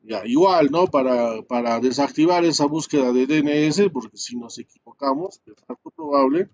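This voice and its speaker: A man's voice: mid-range voice, moderate pace, darkish tone, muffled recording, slight background noise. A male networking instructor walking students through a switch lab step by step, full of fillers and tag questions. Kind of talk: live screen-share class.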